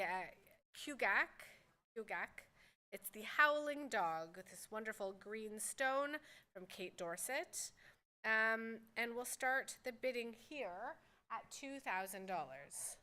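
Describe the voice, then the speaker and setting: A woman's voice: a little high, lively intonation, slow pace, pushed and bright. A woman working as a fine art auctioneer, calling bids at a live sale in a formal, courteous way and repeating the figures.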